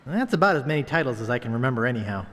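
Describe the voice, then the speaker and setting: An actor playing a naive, eager young would-be pirate in a cartoon adventure game, boyish, earnest and breezy. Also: male voice, medium pitch, sing-song, very fast, natural voice. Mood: breezy, cheeky. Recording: echoing hall reverb effect.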